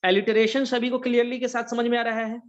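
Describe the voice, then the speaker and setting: High-voiced Indian man teaching a class. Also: flat delivery, a little fast, dull audio. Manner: mixes Hindi and English, repeats checking questions. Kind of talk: online English grammar lecture.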